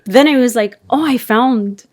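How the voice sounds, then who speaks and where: A woman's voice: on the high side, measured pace, darkish tone. A woman in her twenties from Canada, hosting a podcast in casual conversation, chatty and full of fillers. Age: 20s. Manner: chatty, fills with "like" constantly. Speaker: podcast host.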